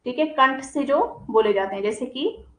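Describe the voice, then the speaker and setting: A woman's voice: high voice, animated, moderate pace, echoey room, poor audio. A woman teacher giving a grammar lesson, explaining each term and then giving examples. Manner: explains terms, then gives examples, checks with "ठीक है". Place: coaching classroom.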